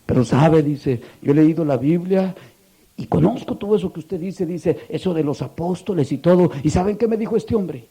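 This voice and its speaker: A man's voice: fairly high pitch, normal speed, warm tone, slightly rough. A man preaching a sermon, asking the congregation rhetorical questions and telling a story with passion.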